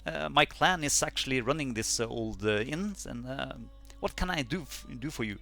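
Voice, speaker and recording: Man doing a halting halfling innkeeper. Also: medium pitch, expressive, vocal fry, bright, forceful tone. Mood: hospitable, reluctant. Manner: hesitant, halting with many fillers. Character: male halfling innkeeper, proud family patriarch, reluctant.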